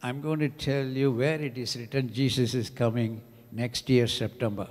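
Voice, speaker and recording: A man's voice: mid-range voice, fairly even intonation, moderate pace. An older man, a senior pastor, chatting and joking as he introduces the next preacher on a church stage, holding a handheld mic. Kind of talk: church announcement. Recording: reverberant church hall with soft music.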